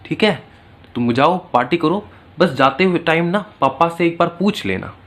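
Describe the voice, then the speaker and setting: A man's voice: a little high, lively intonation, moderate pace, a bit bright, voice pushed up. A man voicing a doting mother who speaks to her son in a coaxing, affectionate way.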